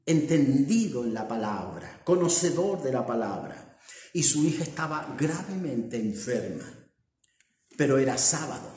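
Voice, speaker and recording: A man preaching a sermon in a fairly high voice. He takes his time, with long pauses between phrases. He retells the story with quoted lines and builds to emphatic calls, and the room echoes around him. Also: a little mellow.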